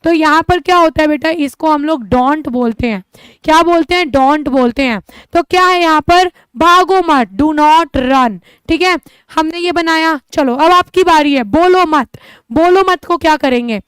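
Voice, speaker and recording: A woman teacher with a high-sitting voice runs an online English-speaking class at normal speed, with no room sound on the recording. She encourages her students, calling them children, and keeps asking and answering her own questions.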